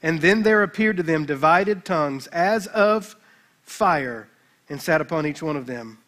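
A man with a high, ringing voice preaches at a church service. He retells the scripture story as an animated, joking storyteller and throws in playful asides to the congregation. His tone stays bright and forward throughout. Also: unhurried. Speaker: pastor. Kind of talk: sermon.

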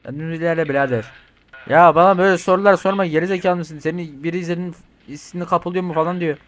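Brief: male streamer, slightly high voice, crude and excitable, given to yelling when startled. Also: fast. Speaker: gaming streamer. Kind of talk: swearing playthrough commentary.

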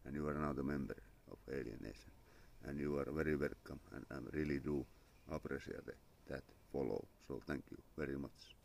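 A young Finnish man with a Finnish accent live-streams casually from his yard under a parasol, thanking followers and muttering to himself. His bass voice is a little fast and a little mellow, with vocal fry and hardly any pauses. He films on a phone at arm's length, with slight background noise.

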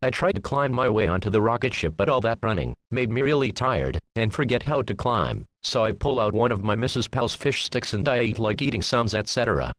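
A man narrating a crude comic story in a deadpan, rambling way, swearing casually. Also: medium pitch, a little fast, few pauses, no room sound. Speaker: comedy narrator. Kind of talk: crude comedic fan storytelling.

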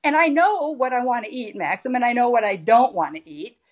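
A woman in her sixties, a podcast guest, telling her story in a lively, animated way over a video call from a room at home. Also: on the high side, fairly quick. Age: 60s. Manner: animated storyteller with big hand gestures. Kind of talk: casual interview chat. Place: home room with high ceiling. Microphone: laptop webcam on a video call.

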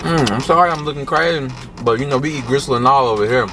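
A man's voice: medium pitch, fast, music in the background. Man talking with his mouth full. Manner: playful, teasing. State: mouth full while chewing. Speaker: food reviewer. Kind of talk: casual chat. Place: restaurant table with a companion. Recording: distant mic with restaurant noise.

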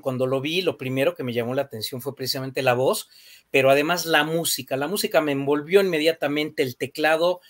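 A man, hosting a casual talk and reflecting thoughtfully, with fillers like "este" and "pues". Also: on the high side. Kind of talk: casual conversation.

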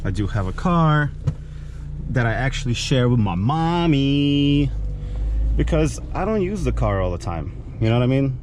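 Behind the wheel in the city, a cranky man curses at other drivers while giving casual vlog commentary in a mid-range voice with big pitch swings and a moderate pace. The in-car mounted camera also captures road and traffic noise.

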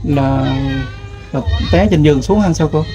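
A man's voice: fairly high pitch, moderate pace, music in the background. A man asking short interview questions and giving brief prompts. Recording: crowd noise behind.

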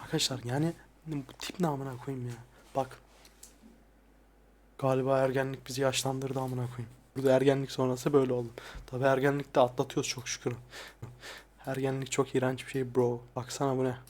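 A young man talking casually and softly, often swearing, as he looks back at his old videos. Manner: crude, frequent swearing; soft-spoken, dropping voice low at times. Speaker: ASMR YouTuber. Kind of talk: casual soft-spoken vlog. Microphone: lapel mic.

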